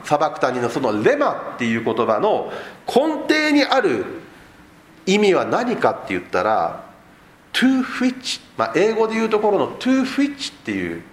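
A man preaching a sermon as a pastor, explaining the text and asking rhetorical questions of the congregation. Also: mid-range voice. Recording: echoey room.

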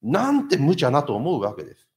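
A man's voice: a little high, brisk. A man preaching a sermon as pastor, asking the congregation rhetorical questions. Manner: lively, asks the listeners rhetorical questions.

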